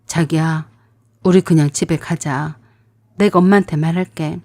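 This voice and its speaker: A woman's voice: low-pitched, fairly even intonation, normal speed, darkish tone, no echo, voice pushed down. A woman voicing a young husband who firmly defends his pregnant wife to his mother. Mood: gentle. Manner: firm, pleading.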